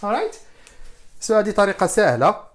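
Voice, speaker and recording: A man with a Moroccan Arabic accent teaching beginner English, explaining in Arabic and repeating English example sentences slowly. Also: high-pitched, big pitch swings. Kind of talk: beginner English lesson at a board.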